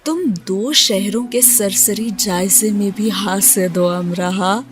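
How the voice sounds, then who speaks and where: A woman voicing a playful, teasing young male student in a romance audiobook, speaking gently and without hurry. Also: medium pitch, faint music behind, natural voice.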